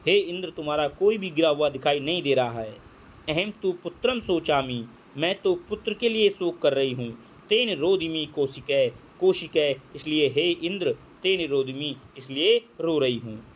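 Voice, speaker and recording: A man's voice: a little high, animated, slight background noise. Man teaching Sanskrit line by line. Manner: reads Sanskrit slowly, then explains in Hindi. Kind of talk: line-by-line translation lesson.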